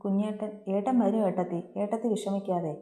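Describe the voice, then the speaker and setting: A gentle young in-law who calms a worried sister-in-law with hesitant reassurances, voiced by a woman storyteller. The tone is mellow and soft-edged, heard in an echoey room. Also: mid-range voice, brisk, natural voice. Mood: reassuring. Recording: roomy echo.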